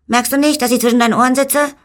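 A man's voice: fairly even intonation, a bit bright. A man voicing a tiny, scornful male fairy man who mocks the animals from a donkey's head. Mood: mocking. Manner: scornful, shrill and fast.

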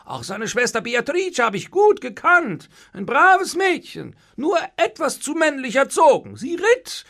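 A man voicing an excitable, talkative male innkeeper with a high, eager voice. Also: measured pace, vocal fry, hardly any pauses, heavily acted. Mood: shocked.

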